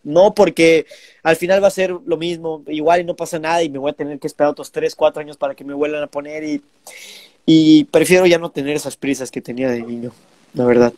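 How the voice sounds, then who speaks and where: A man's voice: a little high, brisk, no echo. A man of twenty-two with a Mexican Spanish accent, telling stories animatedly in a casual interview. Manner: animated storytelling, imitates parents. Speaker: bullfighter guest.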